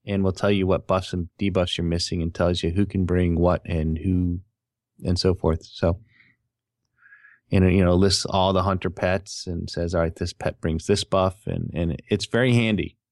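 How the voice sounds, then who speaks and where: A man's voice: sits low, fairly even intonation, normal speed, a little mellow, no room sound, clean studio sound. A man hosting a casual gaming podcast, reading out listener questions and explaining them patiently. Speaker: podcast host.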